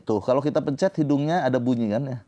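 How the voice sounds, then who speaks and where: A man teaching Quran recitation rules in a livestream lesson, explaining slowly and then chanting verses in a drawn-out melodic voice. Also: medium pitch, mellow, muffled recording.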